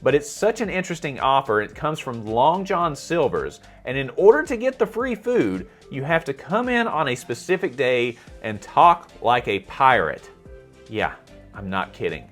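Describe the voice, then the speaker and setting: A man's voice: mid-range voice, very animated, normal speed, fairly bright tone, faint music behind. A middle-aged man hosting a vlog in a chatty, self-deprecating way, often asking viewers for their opinions. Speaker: host. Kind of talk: casual vlog commentary.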